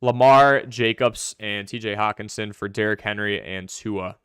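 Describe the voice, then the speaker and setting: A young man hosting a live fantasy football stream, answering viewer questions in quick, chatty commentary. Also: on the low side, a bit bright, smooth, no echo, studio quality. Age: young adult.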